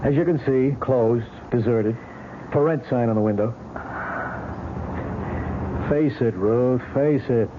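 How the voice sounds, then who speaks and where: A tinny, noisy vintage radio drama carries a medium-pitched male voice. It is a man acting a matter-of-fact police lieutenant, skeptical yet patient, who reasons bluntly. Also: takes it slowly, pauses often, close to an everyday voice. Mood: firm, reasoning.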